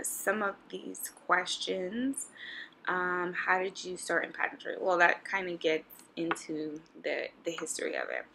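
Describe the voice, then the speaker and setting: A woman's voice: on the low side, creaky, sharp tone, slight background noise. A young woman talking casually to camera at home, answering viewer questions in an informal, conversational way, as if thinking aloud. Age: young adult. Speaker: vlogger and pageant contestant. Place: small indoor room at home with brick wall.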